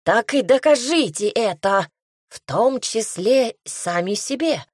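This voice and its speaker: A woman's voice: medium pitch, big pitch swings, slow pace, no echo, clean studio sound. A woman voicing a plump, mischievous ginger male magic cat in an audiobook, drawing out her words. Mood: theatrical.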